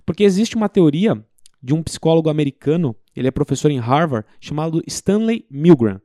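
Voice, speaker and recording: A man's voice: on the high side, lively intonation, fairly quick, dark tone, no room sound, studio quality. A man explaining sales techniques in a casual conversation, with emphatic, practical examples. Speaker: business guest. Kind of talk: casual sales advice talk.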